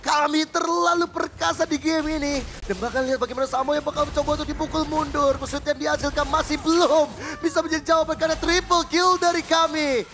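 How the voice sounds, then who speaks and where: A man calling a match as a hyped game announcer, with excited, dramatic, drawn-out shouted calls. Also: extremely high pitch. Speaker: esports match commentator, play-by-play caster. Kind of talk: hyped fighting-game announcer style play-by-play. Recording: loud game music behind.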